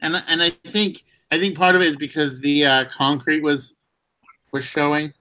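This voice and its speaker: Easygoing man with a slightly high voice. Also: steady tone, sharp tone, no room sound. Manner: easygoing, halting with fillers. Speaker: vlogger hosting a live stream. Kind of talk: casual chat.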